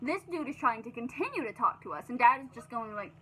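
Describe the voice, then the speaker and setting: A young woman telling a storytime vlog in a casual, animated way, heavy on fillers and swearing. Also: on the high side, fast talker, husky, low-quality recording. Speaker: vlogger.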